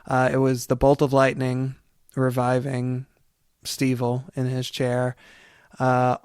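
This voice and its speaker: A man's voice: medium pitch, a little mellow, smooth, dry recording, studio quality. A man co-hosting a podcast, talking in a casual, reflective way that meanders as he tells a story. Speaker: podcast co-host.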